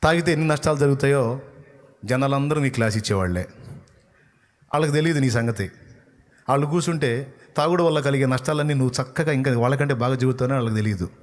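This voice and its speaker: A man preaching a sermon as a pastor, passionate and forceful, swinging between loud outbursts and low, intense passages, often asking the listener pointed rhetorical questions. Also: fast talker, pauses often.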